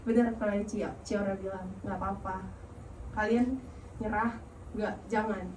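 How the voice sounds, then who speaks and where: A woman's voice: medium pitch, fairly even intonation, moderate pace, background noise. A nervous young woman, earnestly sharing a personal testimony at a youth service in a large church hall. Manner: earnest, gentle, encouraging. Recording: echoey hall, voice far from mic.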